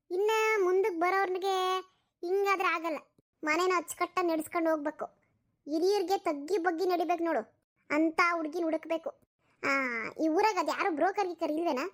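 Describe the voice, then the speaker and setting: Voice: very high-pitched, fairly bright tone. A woman doing a bossy, mocking old mother. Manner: scolding, mocking. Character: sharp-tongued old mother, bossy mother-in-law. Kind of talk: cartoon voice acting.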